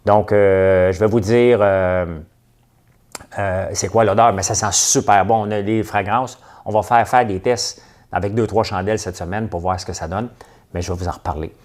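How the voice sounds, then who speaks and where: Low-voiced Québécois man, casual chat. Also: fairly even intonation, moderate pace, darkish tone. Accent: Québécois French. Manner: rambling, stop-start delivery with frequent hesitations. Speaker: livestream host.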